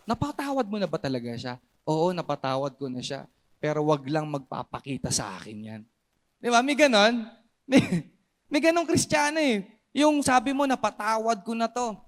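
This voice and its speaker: A young Filipino man preaching a lively sermon as pastor in a church service, mixing in English phrases and calling out to the congregation. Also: extremely high pitch. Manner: animated, mixes English phrases, asks the congregation "di ba?" and "Amen?".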